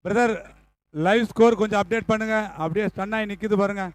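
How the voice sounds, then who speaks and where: A man's voice: high-pitched, steady tone, fast, clear, resonant tone, dry recording. A man co-commentating a local cricket match, teasing and joking with his partner. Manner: teasing, playful banter.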